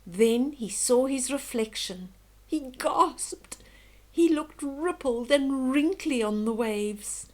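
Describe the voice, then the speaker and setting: With a high-pitched, animated voice, an older woman slowly and expressively reads a story for children, adding gentle chatty remarks to her young audience.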